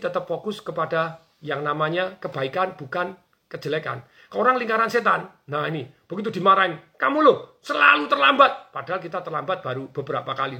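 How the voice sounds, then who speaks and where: A man talking on a radio show as a business coach, energetic and acting out quoted bosses and workers. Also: fairly high pitch. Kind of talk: animated radio talk.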